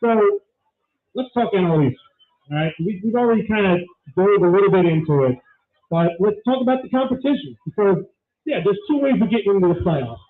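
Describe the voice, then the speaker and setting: A man hosting a casual sports radio show, chatting in a rambling, quick way with his co-host. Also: high-pitched, animated. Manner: rambling, quick banter with laughs. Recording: tinny phone-like radio audio.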